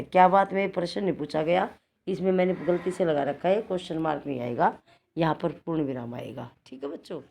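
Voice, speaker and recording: A woman teaching young pupils in a patient, step-by-step way. She breaks each word into its parts slowly and keeps checking that the children follow. Her voice sits a little low. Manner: explains patiently, spells words out slowly sound by sound, checks in often. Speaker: primary school teacher. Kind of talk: online class lesson.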